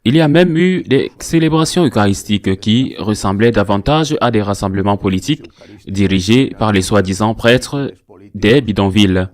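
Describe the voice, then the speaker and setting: A man, a priest, reading scripted commentary on current events in a measured way, repeating phrases for emphasis. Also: lowish voice.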